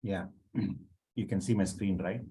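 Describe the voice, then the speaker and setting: Guy on a video call, lowish voice, explaining stuff in a halting way, repeats himself. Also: gravelly, mellow. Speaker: working group participant presenting. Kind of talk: informal online meeting explanation.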